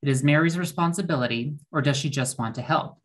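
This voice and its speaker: Lay preacher, mid-pitched, conversational sermon full of questions. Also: fast. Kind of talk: sermon reflection.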